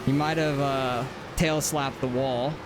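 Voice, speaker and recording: A man with a medium-pitched voice and fairly even intonation talks at a measured pace. He is thinking aloud in casual, informal live commentary while driving in a sim racing game. The racing game's car engine hums behind his voice.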